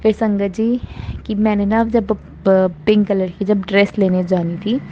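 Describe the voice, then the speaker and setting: A woman telling listeners about her devotional experiences in a casual, earnest and grateful way, often rising with excitement. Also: mid-range voice, measured pace, dull audio, noisy background. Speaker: devotee sharing a testimony. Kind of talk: casual spoken testimony.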